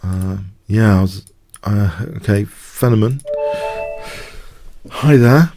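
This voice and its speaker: Slowly and in a lowish voice, a non-American chess streamer narrates his blitz games over loud music. He has a cold and sounds congested, and his commentary is hesitant, full of stammered restarts.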